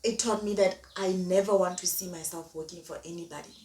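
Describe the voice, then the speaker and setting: A woman's voice: lowish voice, fairly even intonation, a little fast, a little mellow. Emphatic woman in echoey room. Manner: emphatic, repeats key phrases. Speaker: vlogger. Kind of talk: motivational monologue. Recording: echoey room, distant mic, faint noise.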